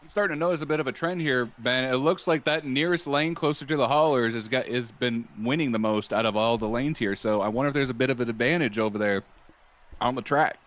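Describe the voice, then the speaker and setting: A man's voice: mid-range voice, quick pace, fairly bright tone. A man doing easygoing, joking play-by-play commentary from a booth at a motorsport event. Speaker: race commentator. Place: commentary booth at a fairground track.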